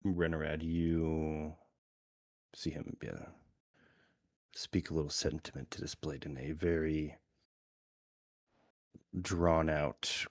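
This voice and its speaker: A man's voice: rumbling low, no echo, clean studio sound. A man acting as game master who describes scenes in detail with lots of hesitant fillers. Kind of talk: tabletop role-play narration.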